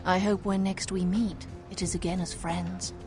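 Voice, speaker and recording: A woman plays a cold, scheming vampire leader from a video game, her voice sitting a little low. She speaks in a measured, formal way, every word carrying a quiet threat, and music plays clearly beneath her. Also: level tone, close to an everyday voice. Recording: game audio with music behind.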